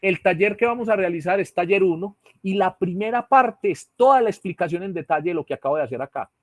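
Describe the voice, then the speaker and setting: A man's voice: sits high, expressive, fast talker, no room sound, clean studio sound. A male teacher with a Colombian Spanish accent, lecturing an online class and often checking in with his students. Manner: explanatory, checks in with "¿sí?" and "¿cierto?". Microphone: computer mic on a video call.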